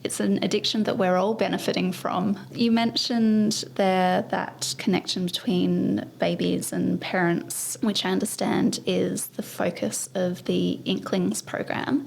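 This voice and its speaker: A woman hosting a podcast, reading a measured introduction and asking questions. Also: medium pitch, creaky. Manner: warm, measured, scripted introductions. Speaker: guest host. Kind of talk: podcast interview.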